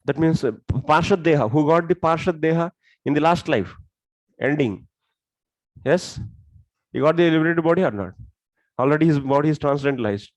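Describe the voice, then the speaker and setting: A man's voice: on the high side, moderate pace, pauses often, no echo, low-quality recording. A man with a South Indian accent teaching a religious lesson step by step, often putting questions to his listeners. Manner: explains step by step, asking questions. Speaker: scripture teacher.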